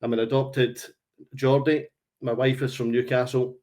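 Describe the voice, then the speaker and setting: Speaking at a normal pace with a level, darkish-toned voice of medium pitch, this roughly forty-year-old sales consultant from Glasgow, Scotland hosts a business webinar on a call. He keeps it conversational, with a broad Glaswegian accent and plenty of anecdotes.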